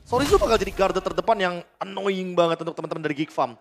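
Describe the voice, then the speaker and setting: A man's voice: high-pitched, quick pace. A man with an Indonesian accent giving analytical esports caster commentary. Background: music.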